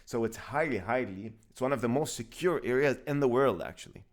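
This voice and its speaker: A man's voice: medium pitch, brisk. A young man from Lebanon, co-hosting a podcast in casual comedic chat, rambling and joking as he explains. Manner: rambling, jokey, slips into a put-on accent. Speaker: podcast co-host.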